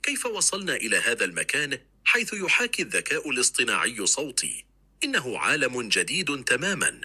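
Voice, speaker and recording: Fast bright AI clone of a man's voice. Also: medium pitch, huge pitch swings, breathy edge. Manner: synthetic text-generated speech. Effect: played through a phone speaker. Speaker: AI voice clone of the guest. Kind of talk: text-to-speech clip played from a phone.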